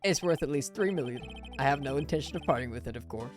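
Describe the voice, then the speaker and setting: A woman voicing a pompous older male lawyer who hems, haws and clears his throat evasively. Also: sits low, expressive, moderate pace, music in the background. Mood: stuffy.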